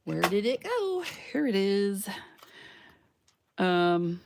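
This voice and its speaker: With a gravelly, mid-range voice full of big pitch swings and drawn-out words, a woman hosts a casual craft-channel tutorial over background noise. She chats to herself and her viewers while working, tossing in playful sound words and little self-cheers.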